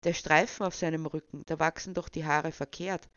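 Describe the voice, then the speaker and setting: A man's voice: fairly high pitch, steady tone, moderate pace, bright, forceful tone, clean tone, dry recording. A storyteller voicing a shy young man who is afraid of dogs and speaks hesitantly and earnestly, on a dull, dry recording.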